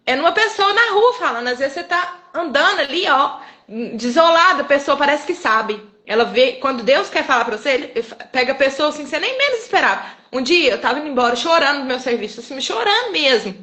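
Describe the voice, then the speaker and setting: A woman's voice: high voice, fast, hardly any pauses. A woman with a Brazilian accent, a guest sharing an emotional personal testimony and acting out the dialogue as she tells it. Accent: Brazilian Portuguese. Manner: expressive, animated storyteller who acts out dialogue. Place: live online broadcast.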